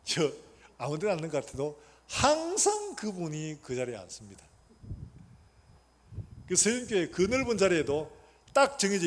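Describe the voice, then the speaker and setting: Man, pastor, sermon, raised pitch, emphatic questions, long church reverb, faint background hiss. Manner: emphatic, asks the congregation questions and answers them. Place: church sanctuary.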